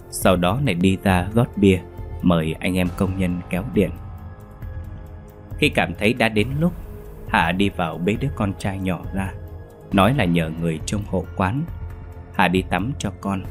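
A man narrating a horror story in a steady, measured way, with faint music behind. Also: low-pitched.

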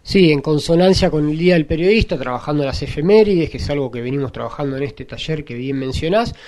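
A man's voice: on the high side, expressive, quick pace, a little mellow. A man who coordinates a radio workshop, introducing a recorded interview in a rambling, hesitant way.

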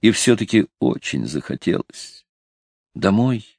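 A man narrating a novel as an audiobook reader, with an expressive reading. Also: low voice, normal speed, creaky, no echo, clean studio sound.

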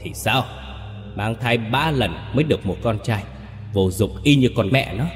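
Man voicing a shrill scolding old matriarch. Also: moderate pace, big-room sound, faint music behind, natural voice. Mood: scornful. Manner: shrill, berating.

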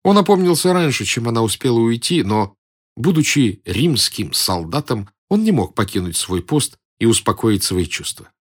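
A man reading a story aloud as its narrator, in an expressive, varied delivery. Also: medium pitch, moderate pace. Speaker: audiobook narrator. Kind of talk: scripted narration.

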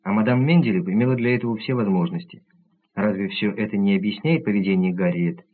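A man reading the part of a calm, analytical doctor who lays out his reasoning methodically, in a husky low voice on tinny audio. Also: fast. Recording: tinny narrow-band audio.

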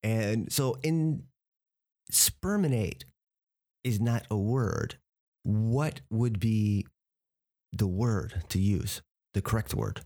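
A man's voice: fairly low pitch, slow pace, pauses often, mellow. An American man teaching English vocabulary, patiently breaking words into pieces and spelling them out for a learner. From United States. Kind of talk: explaining vocabulary from a TV clip.

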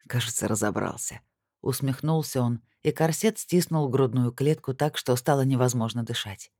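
An audiobook narrator reading a first-person story expressively, lifting the pitch for the heroine's lines. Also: normal speed, mellow, no room sound, studio quality.

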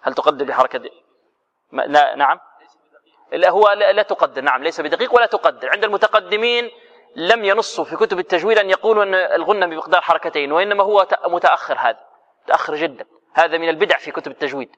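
A man's voice: a little high, fast talker, fairly bright tone. A man teaching Quran recitation, quizzing his students and then answering and demonstrating the sounds himself. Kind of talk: tajweed lesson to students. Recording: muffled lo-fi recording with long hall reverb.

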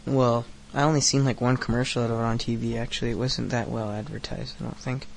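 Talking fast, the teen podcaster delivers a casual solo rant full of fillers and swearing, his mid-range voice creaky and showing little pitch movement. He is thirteen and recovering from hoarseness. Slight background noise can be heard.

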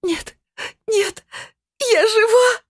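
A man's voice: very high-pitched, drawn-out words, voice pushed up, heavily acted. A man doing a shrieking, sobbing young woman ghost. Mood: hysterical. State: screaming and sobbing. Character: young woman in panic, a ghost unaware she died.

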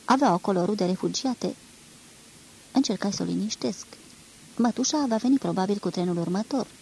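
A woman reading a literary novel aloud in a measured, expressive storytelling manner. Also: medium pitch, creaky, a little hiss or hum, low-quality recording. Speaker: reader.

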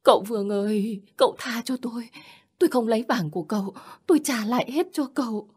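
A woman's voice: fairly high pitch, a little fast, a little mellow, breathy edge. A woman playing a greedy older mother who stammers and pleads in terror. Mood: pleading. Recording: long hall reverb with music.

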